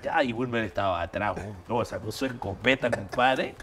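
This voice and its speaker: A man's voice: on the low side, moderate pace, soft background music. A middle-aged man with a Peruvian accent, a former footballer telling stories in a casual chat and acting out the voices of the people in them. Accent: Peruvian Spanish. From Peru. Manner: animated storyteller who acts out voices and laughs.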